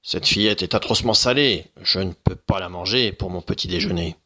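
A man voicing a greedy, gruff male ogre in a children's story read aloud. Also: low-pitched, fairly quick, sharp tone. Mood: gloating.

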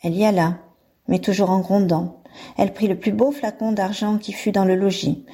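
A woman reading a fairy tale aloud and presenting a reading slot, steady and clear in her delivery. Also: mid-range voice, normal speed. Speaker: storyteller and presenter.

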